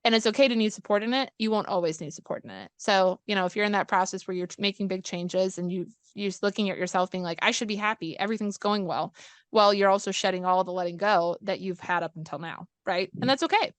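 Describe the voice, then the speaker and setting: A woman hosting a podcast, talking in a heartfelt, expressive way about personal growth. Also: medium pitch, fast, hardly any pauses, clean tone, no echo. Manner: heartfelt, expressive, animated in retold quotes. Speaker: podcast host. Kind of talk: casual podcast chat.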